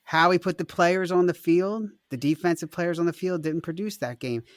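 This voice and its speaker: A man's voice: fairly high pitch, normal speed. A man co-hosting a sports podcast, blunt and pressing his point in casual debate. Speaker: podcast co-host.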